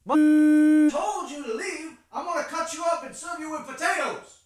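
A man's voice: extremely high pitch, normal speed, echoey room, voice pushed up. A man voicing a furious, foul-mouthed male chef who rants and threatens, in an audio story. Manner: ranting, threatening.

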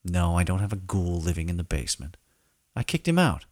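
A man tells scripted comic stories in a low voice that swings freely up and down. His delivery is wry, theatrical and mock-solemn. The recording is dry and close, like a podcast. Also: sing-song, fairly quick, a little mellow, no echo. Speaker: podcast host and storyteller. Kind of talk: scripted comic first-person narration.

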